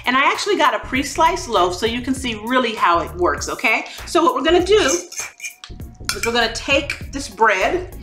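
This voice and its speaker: A woman hosts a cooking demonstration in her home kitchen, chatty and encouraging, with easy laughs between steps. Her voice is bright and sits a little high. It bounces around an echoey room over soft background music. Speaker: cooking show host.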